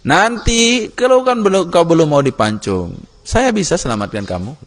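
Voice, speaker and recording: A sly male devil purrs at his victim in loose, slangy talk, calm and coaxing, his voice pitched high and sliding around, as a man puts him on in a religious lesson. He sounds unbothered and persuasive. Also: moderate pace. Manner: casual, slangy, soothing and coaxing. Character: sly male devil, smooth-talking tempter.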